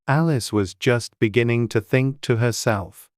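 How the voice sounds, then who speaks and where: Reading a scripted storybook, this woman narrator speaks in an extremely low, darkish voice, slow and unhurried. There's no audible room in the dry recording.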